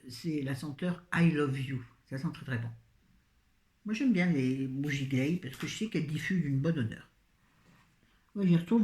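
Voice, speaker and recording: A tired woman with a very deep, warm, fading voice chats casually about her grocery haul in a scattered, self-mocking way. She's a vlogger recording on a phone in an echoey room.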